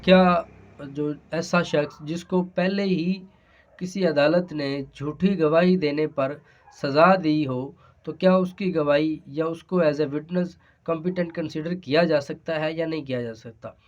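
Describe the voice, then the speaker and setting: In a dull, lo-fi recording, a male law lecturer with a Pakistani accent talks slowly in a fairly high voice. His explanation of the law is hesitant, with frequent repetition of phrases.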